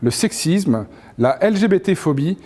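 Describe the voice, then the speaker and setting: A man's voice: a little high, expressive, unhurried, warm tone, big-room sound. A man presenting a formal announcement in a cheerful tone.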